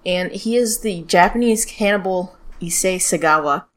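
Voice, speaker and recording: A woman's voice: lowish voice, normal speed. Blunt American woman telling true crime. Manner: blunt, sweary, informal. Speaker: podcast host. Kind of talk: casual true-crime storytelling.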